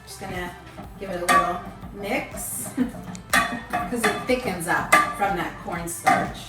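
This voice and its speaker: A woman's voice: on the low side, slow. A woman hosting a casual cooking show, explaining each step in a kitchen. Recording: echoey room, mic far off, background music.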